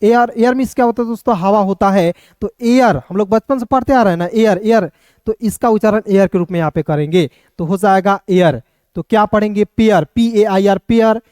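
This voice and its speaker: A man teaching English reading to viewers. He spells words out letter by letter, drills each one slowly and keeps asking his friends in the audience questions. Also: high voice, a little mellow, clean tone, no echo, studio quality. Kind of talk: spoken phonics lesson for Hindi speakers.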